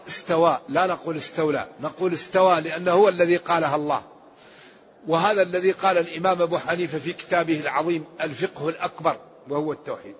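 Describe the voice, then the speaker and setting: A man's voice: high voice, slightly rough. A man giving an emphatic religious lesson on scripture, explaining points with rhetorical questions. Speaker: Islamic scholar giving Quran commentary. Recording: dull lo-fi recording.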